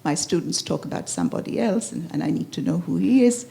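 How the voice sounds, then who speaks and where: A woman's voice: fairly low pitch, animated, fast talker, creaky, mellow. A woman voicing a proud, impatient male professor in a told parable, speaking indignantly and demanding answers.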